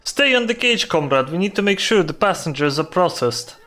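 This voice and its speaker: A man doing a gruff Russian mob boss. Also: high-pitched, expressive, pushed and bright. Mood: commanding. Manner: slow commanding address to "comrade".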